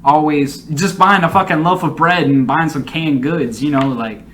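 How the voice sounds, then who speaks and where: A man with a fairly high, bright, forceful voice gives casual reaction commentary. He rambles and swears freely, full of opinions. There is faint noise behind him. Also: normal speed. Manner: often breaks into laughter. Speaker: reaction video host.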